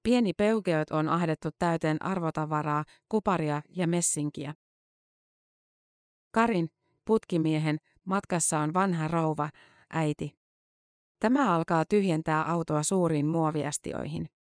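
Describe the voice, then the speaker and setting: A woman reporter reading a scripted news-feature narration in a measured, matter-of-fact way. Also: low-pitched, no echo, clean studio sound.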